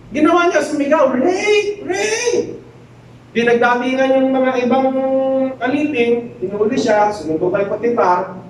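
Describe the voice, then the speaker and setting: High-voiced joking pastor in echoey hall. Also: male voice, slight background noise. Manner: animated, joking storyteller acting out quotes. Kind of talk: sermon storytelling. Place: church hall. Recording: very echoey hall, distant mic.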